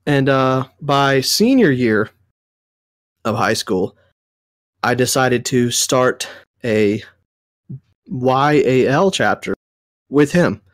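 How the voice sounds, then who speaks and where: A young Southern US man co-hosting a podcast tells a rambling, self-correcting story in casual chat, slow and animated with frequent pauses. He's getting over a cold, so his middle-pitched voice sounds a bit nasal, and the sound is dry and close with no echo.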